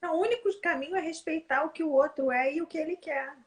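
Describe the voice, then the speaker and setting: A woman's voice: high voice, fast talker. A woman in her forties with a Brazilian Portuguese accent, in a casual conversation, talking emphatically and speeding up as she tells stories.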